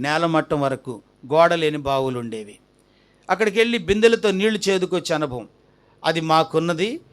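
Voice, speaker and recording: A man preaching a sermon as pastor, repeating key phrases with rising emphasis and asking the congregation questions. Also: a little high. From India. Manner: acts out a little story with quoted dialogue.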